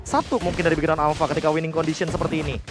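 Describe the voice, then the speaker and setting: A man's voice: fairly high pitch, flat delivery, rapid-fire, over music. A man with an Indonesian accent giving live analysis as a commentator on an esports match. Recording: noisy live broadcast ambience.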